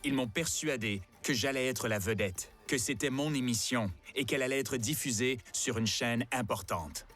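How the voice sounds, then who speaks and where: A man calmly recounting, with some regret, his time as the star of a reality show, in a dubbed documentary interview. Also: mid-range voice, moderate pace, few pauses, soft background music. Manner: calm, rueful first-person recounting.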